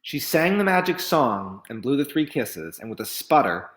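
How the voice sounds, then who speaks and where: A man reading a picture book aloud in an expressive, dramatic storytelling style. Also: medium pitch, normal speed, slight background noise.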